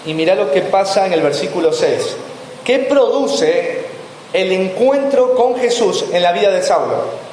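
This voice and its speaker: A man's voice: high voice, animated, unhurried, darkish tone. A man preaching a sermon as pastor, asking the congregation rhetorical questions. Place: church hall. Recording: echoey church hall with faint room noise.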